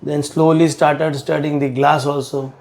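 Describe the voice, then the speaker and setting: A man's voice: a little high, flat delivery, a little slow, a little mellow. A middle-aged man from South Mumbai with a Marathi-influenced Indian English accent, mixing in Hindi words as he chats in an interview. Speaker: podcast guest, business partner. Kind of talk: conversational interview, recounting career.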